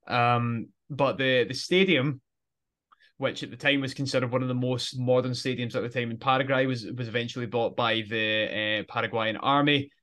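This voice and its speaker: A man's voice: mid-range voice, fairly even intonation, normal speed, bright, forceful tone. A man co-hosting a casual podcast, explaining at length and often restarting his sentences. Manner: explanatory, rambling with frequent restarts. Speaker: podcast co-host.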